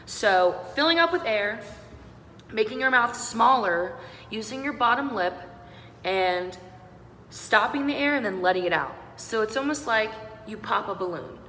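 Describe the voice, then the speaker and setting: A young woman teaches beatboxing in a bright, encouraging way and talks students through every sound. Her voice rings in a roomy space with a long reverb tail. Faint background noise hums under it. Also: a little high, expressive, a little slow. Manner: upbeat, encouraging, demonstrates sounds step by step. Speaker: singing teacher. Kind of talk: online beatboxing lesson.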